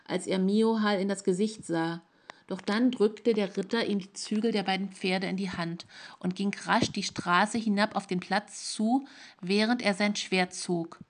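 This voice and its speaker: A woman narrating a fantasy story in a calm, measured way. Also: medium pitch. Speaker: audiobook narrator.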